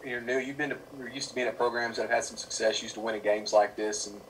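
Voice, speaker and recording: A man's voice: mid-range voice, steady tone, fast talker, far from the mic, poor audio. A man reporting at a press conference, asking long rambling questions full of fillers. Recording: off-mic with faint room noise.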